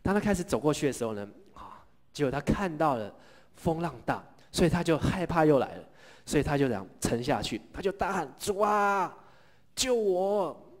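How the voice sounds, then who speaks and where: A middle-aged man preaching a sermon. He tells the story in a lively way, asks the congregation questions and has them repeat lines back. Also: fairly high pitch, fairly quick. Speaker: pastor.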